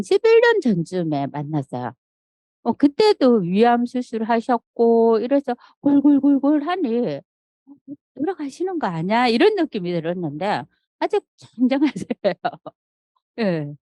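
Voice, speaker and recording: A woman's voice: fairly high pitch, dark tone, no room sound. A middle-aged woman giving a motivational business talk to an audience, telling stories, acting out quoted lines and asking frequent rhetorical questions. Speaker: seminar speaker.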